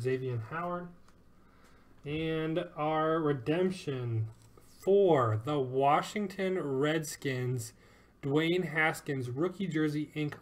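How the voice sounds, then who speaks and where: A man hosting a live sports card break, upbeat and joking as he calls out each card and who it goes to. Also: fairly high pitch.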